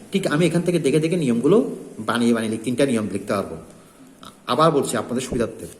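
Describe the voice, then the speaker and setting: A man with a Bangladeshi Bengali accent teaches a lesson, his voice pitched a little high. He explains each rule step by step and repeats the key points for emphasis. The recording has a roomy sound with a long, hall-like reverb. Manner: repetitive, emphatic instructional delivery. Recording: echoey room with long reverb.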